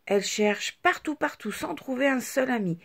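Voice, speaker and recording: A woman reading a children's picture book aloud in a slow, expressive way. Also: a little high, slightly rough. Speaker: storyteller.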